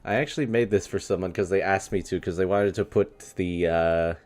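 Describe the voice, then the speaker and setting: Streamer, man in his twenties, low-leaning voice, wry and rambling while answering chat live. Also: a little fast, a little mellow. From New York. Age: 20s. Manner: wry, rambling, reads chat aloud and reacts.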